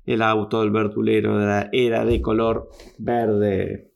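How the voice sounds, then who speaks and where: A woman's voice: extremely low pitch, flat delivery, measured pace, vocal fry, a little mellow. A woman improvising a playful bedtime story for a child, full of sound effects.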